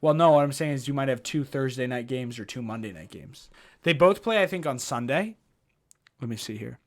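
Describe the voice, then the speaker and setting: A man's voice: mid-range voice, animated, brisk. A man hosting a casual sports podcast, joking with his co-hosts as he leads the segment. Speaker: podcast host.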